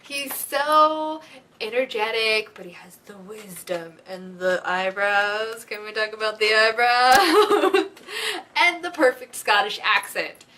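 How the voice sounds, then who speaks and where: A woman hosting a vlog, chatting casually and excitedly, with frequent giggles and gushing asides. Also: fairly high pitch, takes it slowly. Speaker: vlog host. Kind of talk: casual fan chat.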